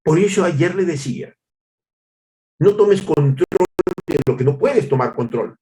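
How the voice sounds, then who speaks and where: A man's voice: a little high, animated, measured pace, dark tone. A male pastor preaching a devotional sermon, repeating phrases for emphasis and calling his listeners brothers.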